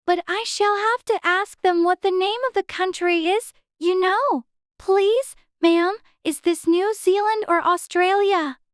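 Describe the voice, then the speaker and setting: For a dramatized audiobook, a woman plays a curious, chatty little girl who muses aloud in an earnest, prim manner. Her voice is very high, with a steady tone and measured pace, recorded clean in the studio with no room sound.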